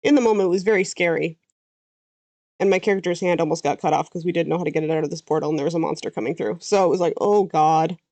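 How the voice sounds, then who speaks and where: On the low side and dark in tone, this Canadian woman talks fast in a dry recording. A VTuber artist streaming her drawing, she chats casually, thinking out loud and trailing off partway through sentences.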